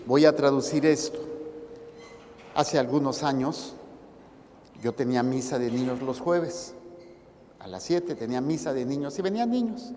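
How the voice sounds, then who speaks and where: Man, Mexican Spanish accent, priest's sermon, animated asides, reverberant church. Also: medium pitch, normal speed, pauses often, slight background noise. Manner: animated, playful asides to the congregation.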